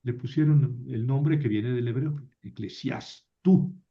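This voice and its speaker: A man teaching a language lesson, reading Hebrew aloud slowly and checking in with his students. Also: medium pitch, gravelly, mellow. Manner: reads Hebrew aloud slowly, with many fillers and rhetorical checks. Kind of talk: lecture. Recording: dull lo-fi recording.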